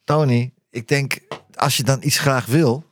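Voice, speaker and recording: A man hosting a casual radio interview, chatty and full of quick affirmations. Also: mid-range voice, steady tone, fairly bright tone, slight background noise. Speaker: radio host.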